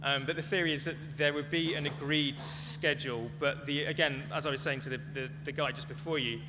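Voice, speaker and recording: A conference speaker explains things tentatively in an informal Q&A, his fairly high voice brisk and steady in tone. He's in a large, echoey hall at a live talk, and the recording has clear background noise and a hum.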